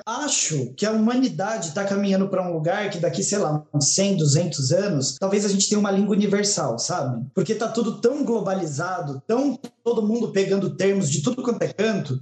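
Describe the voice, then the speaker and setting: Brazilian guy co-hosting a podcast, high voice, playful and dramatic, echoey room. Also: a little mellow. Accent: Brazilian Portuguese. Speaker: podcast co-host. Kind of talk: casual chat.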